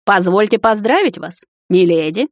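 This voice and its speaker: A woman's voice: mid-range voice, animated, normal speed, no room sound, studio quality, close to an everyday voice. Woman doing a jaunty teasing prince. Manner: loud, jaunty, mocking. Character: cheerful, teasing young male prince. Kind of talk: audiobook character voice.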